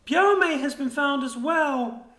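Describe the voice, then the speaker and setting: A man casting a live esports match, excitable and out of breath, shouting when fights break out. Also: very high voice, slow pace, echoey room, crowd noise. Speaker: esports play-by-play caster.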